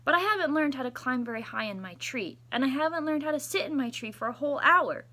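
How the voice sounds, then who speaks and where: Lady doing a little schoolgirl from a storybook, frank, matter of fact, bright n emphatic. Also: high-pitched, expressive, fast, pitched above the performer's own voice. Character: candid, matter-of-fact young schoolgirl named Tilly.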